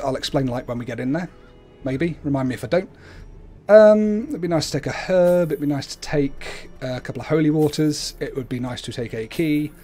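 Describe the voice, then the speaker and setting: A man's voice: a little high, dark tone. A man hosting a livestream, casually explaining the video game he plays. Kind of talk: casual explanatory gameplay commentary. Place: indoors at a computer, webcam.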